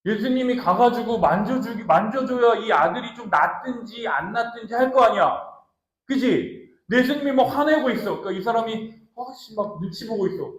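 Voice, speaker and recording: Animated high-voiced male pastor. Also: moderate pace. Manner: animated, quizzing the listeners. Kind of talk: sermon for a small family congregation. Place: small office used as a church. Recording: roomy echo.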